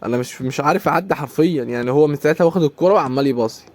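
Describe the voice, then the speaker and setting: A man's voice: fairly high pitch, rapid-fire, a little mellow. A young man with an Egyptian Arabic accent commentating his own football video game match, exasperated and repeating his complaints. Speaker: gaming YouTuber.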